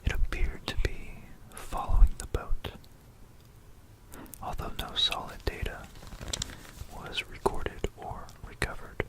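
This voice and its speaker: History is told in a breathy, unvoiced whisper by an ASMR host who takes an unhurried pace, pausing and repeating phrases gently. The voice is close to a stereo binaural microphone, and the recording is low quality.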